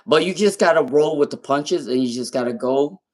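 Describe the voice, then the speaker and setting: Pulling cards in live tarot sessions, a man repeats names and questions over and over. His voice is slightly high and a little mellow, at a normal speed. He's not a native English speaker, speaks with an accent, and has a speech impairment.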